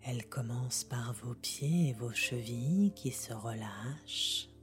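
A woman softly guiding a sleep meditation like a sleep story narrator, half-whispering in a calm, gentle, unhurried way. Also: extremely low pitch. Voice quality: soft, breathy, half-whispered. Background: music.

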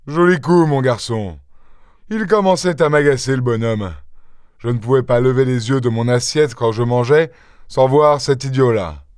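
Guy reading as a grumpy old farmer yelling, no room echo. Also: medium pitch, moderate pace, clean tone, clean studio sound, natural voice. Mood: pleased. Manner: shouting, blustering. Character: gruff older farmer, hot-tempered and vengeful.

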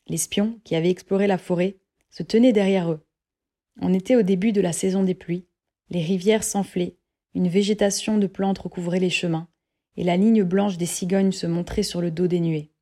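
A woman narrating a literary audiobook in a measured, even reading voice. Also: fairly low pitch.

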